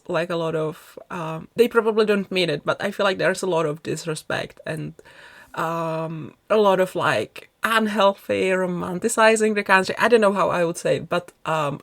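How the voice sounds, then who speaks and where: A Czech woman from the Czech Republic, whose first language is Czech, narrates a game build as a video creator, chatting and rambling to her viewers. Her voice is fairly low with a noticeable creak, and the recording is dry, with no room sound or echo at all.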